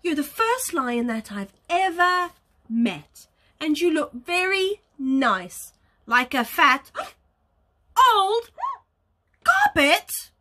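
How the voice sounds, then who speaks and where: A woman voicing a kind, cheerful female goose in a storybook, speaking politely and gently. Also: extremely high pitch, sing-song, very slow, heavily acted. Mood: friendly.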